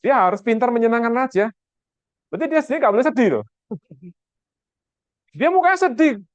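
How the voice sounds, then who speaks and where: A man's voice: very high-pitched, sing-song, fairly quick, dry recording. A man teaching a Bible class over a video call, with an Indonesian accent, quizzing his students and acting out the quotes he tells. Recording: dull lo-fi video call audio.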